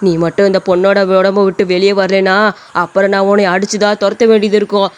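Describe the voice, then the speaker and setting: Older male exorcist in a cartoon: low, calm, firm; a woman voices him. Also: fast, natural voice. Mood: stern.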